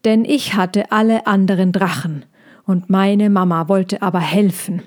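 A woman voicing a young male dragon in a storybook reading, speaking in a proud, firm, unhurried way. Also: medium pitch, a little mellow, lightly acted.

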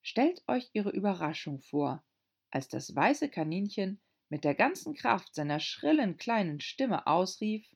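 A woman reading a storybook aloud as an audiobook narrator, with expressive delivery. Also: mid-range voice, unhurried, gravelly, husky.

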